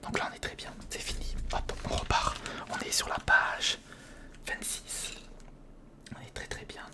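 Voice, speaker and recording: The host of this ASMR video, a man, whispers a little slowly through a casual, improvised build-along. He's breathy and mostly voiceless, muttering hesitantly to himself and talking to the viewer.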